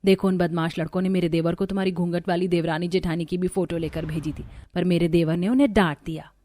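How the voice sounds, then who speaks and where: A woman's voice: lowish voice, fairly even intonation, fast talker, dark tone, soft background music, lightly acted. A woman voicing a chatty village neighbour in a cartoon, confiding and gossipy. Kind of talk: cartoon dubbing.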